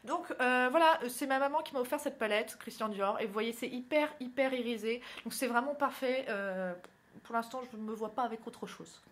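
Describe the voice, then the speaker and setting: A woman's voice: on the high side, moderate pace. A young woman from northern France, chatty and self-mocking, talking through her makeup routine in a casual tutorial. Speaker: beauty vlogger. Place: indoors at home, by a window.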